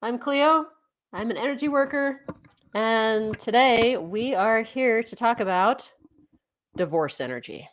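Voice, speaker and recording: A woman's voice: a little high, expressive, a little slow. A woman co-hosting a podcast and telling a personal story in a casual way, laughing and acting out quoted dialogue. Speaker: podcast co-host; energy worker.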